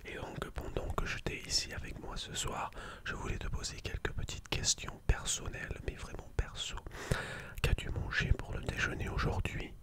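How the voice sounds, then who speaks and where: An ASMR host whispering intimately right into the listener's ear, giving slow, soothing, gentle instructions.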